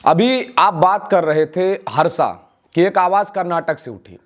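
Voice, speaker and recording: A man with an Awadhi Hindi accent speaks with great heat as an interview guest. He declaims and fires off rhetorical questions. His voice sits very high for a man. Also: measured pace. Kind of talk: impassioned interview answers.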